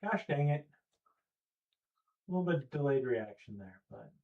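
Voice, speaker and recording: A man's voice: medium pitch, animated, measured pace, vocal fry, far from the mic, lo-fi sound. A man co-hosting a casual livestream, playful and reading out viewer comments. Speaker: livestream co-host reading chat. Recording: voice from away from the mic.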